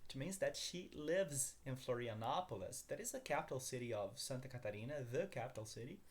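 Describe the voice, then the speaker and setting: Brief: Brazilian man teaching Portuguese in English, animated pitch, upbeat, repeats examples slowly. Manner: upbeat, repeats phrases slowly, laughs at himself. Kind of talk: language lesson, mixing English explanation with Portuguese examples.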